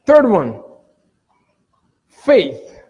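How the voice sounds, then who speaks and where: A middle-aged male pastor with a husky voice, preaching a sermon with sudden loud bursts and dramatic pauses, recorded in a church sanctuary. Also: high-pitched, wildly swooping pitch, narrow, tinny audio. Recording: long reverb of a church hall.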